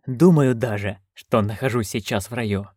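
A man voicing a wry court fool in an audiobook, husky, quiet and murmuring. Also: medium pitch, normal speed, dry recording, clean studio sound, close to an everyday voice. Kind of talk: audiobook reading.

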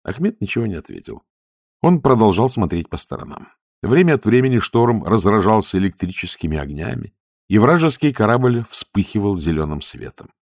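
Deep-voiced male audiobook narrator. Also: very animated, normal speed, darkish tone, no echo, clean studio sound. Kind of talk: scripted narration.

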